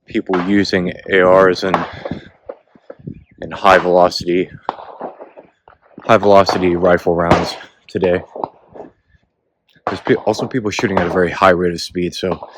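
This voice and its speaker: A man with a very low voice rambles casually to his camera as he hikes an outdoor trail, a little out of breath. It is a noisy outdoor recording with gunfire popping in the distance. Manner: rambling, laid-back, lots of filler words. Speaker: vlogger. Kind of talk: casual vlog talk while hiking. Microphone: self-filming camera. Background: distant gunfire from a shooting range.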